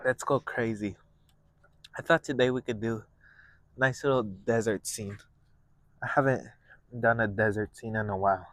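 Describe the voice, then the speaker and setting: A man hosting a painting lesson, talking through each step casually in a gentle, encouraging manner. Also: fairly low pitch, fairly even intonation, moderate pace, long pauses, no echo. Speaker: painting instructor and show host.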